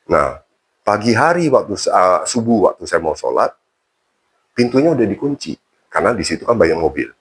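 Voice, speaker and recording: A man's voice: fairly low pitch, big pitch swings, normal speed, slight background noise. A man telling a personal story casually in an interview, with frequent fillers and restarts. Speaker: interview guest.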